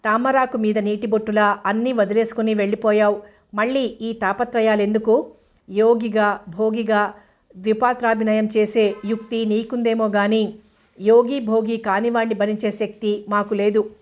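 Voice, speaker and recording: A woman voices a young stage actress, sarcastic and scornful toward her father. Her pitch stays flat and narrow, with a measured storybook delivery. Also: lightly acted.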